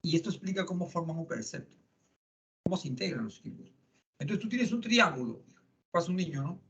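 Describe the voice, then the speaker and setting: Male lecturer, middle-aged, fairly high voice, chatty with tag questions, dull lo-fi classroom recording. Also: expressive, brisk, a bit bright, slight background noise. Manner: conversational, frequent tag questions. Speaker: psychology lecturer.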